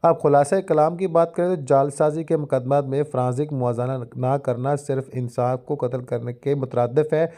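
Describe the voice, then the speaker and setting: A law education YouTuber with a Pakistani accent speaks in a warm, mid-range, steady voice at normal speed with few pauses. In formal Urdu full of English legal terms, he explains the material like a lecturer and reads out a judgment.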